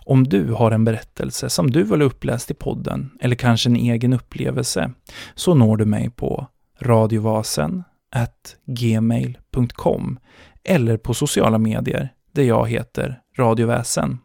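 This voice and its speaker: A man hosting a podcast, narrating a story in a measured dramatic manner. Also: medium pitch, creaky, mellow, no room sound, clean studio sound.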